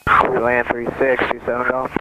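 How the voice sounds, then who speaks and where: A man's voice: medium pitch, completely flat delivery, normal speed. A man pilot heard over an aircraft radio, reading back instructions in clipped radio phraseology. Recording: loud noisy radio from far off.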